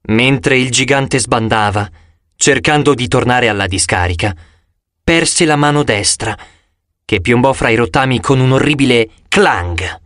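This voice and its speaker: Man narrating an action novel, really dramatic, mid-pitched voice, no room echo. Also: a little slow, clean studio sound. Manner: dramatic, expressive reading with sudden loud cries. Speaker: audiobook narrator. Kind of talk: scripted audiobook narration.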